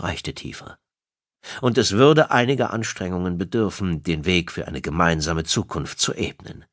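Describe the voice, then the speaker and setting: A man narrating an audiobook with an expressive, dramatic reading. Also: sits low, dry recording, studio quality. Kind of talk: scripted narration.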